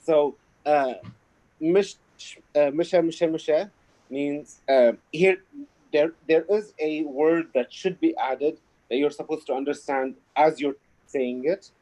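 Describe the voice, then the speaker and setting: Halting man. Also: fairly high pitch, mellow, rough recording. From Kuwait. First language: Arabic. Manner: halting, explanatory. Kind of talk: casual chat.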